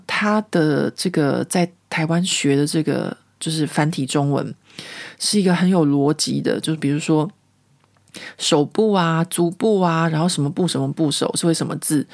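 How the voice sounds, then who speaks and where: A woman from Taiwan with a Taiwanese Mandarin accent, telling a casual story as a podcast host in a chatty, lively way that often breaks into laughter. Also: sits low.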